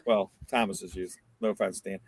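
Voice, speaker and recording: A man's voice: sits low, steady tone, normal speed, crowd noise, low-quality recording. A man co-hosting a casual chat, joking and teasing the others and laughing often. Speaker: co-host.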